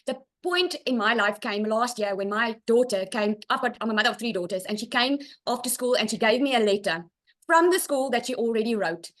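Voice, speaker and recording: An earnest South African woman tells her own story on a webinar, speaking through a video call. Her voice sits a little high, and she talks in a heartfelt, persuasive way. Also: a bit bright. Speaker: guest sharing her success story. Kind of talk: personal testimonial on a webinar.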